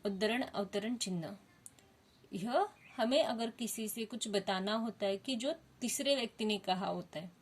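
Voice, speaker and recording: A woman's voice: mid-range voice, measured pace, breathy edge. A woman teaching a Hindi grammar lesson to children, explaining step by step and asking the class questions.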